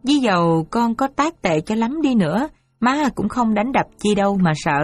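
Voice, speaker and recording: A woman voicing a worried, gentle mother who coaxes her daughter softly. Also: fairly high pitch, expressive, moderate pace, no room sound, faint music behind. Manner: soft, coaxing and anxious.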